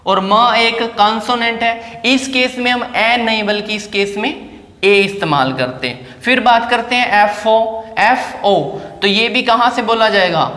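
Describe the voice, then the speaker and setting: A man's voice: sits high, sharp tone. Man, teacher, classroom lecture, rhetorical questions, roomy echo, long reverb. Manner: explains step by step with rhetorical questions. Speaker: English teacher. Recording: echoey room with long reverb.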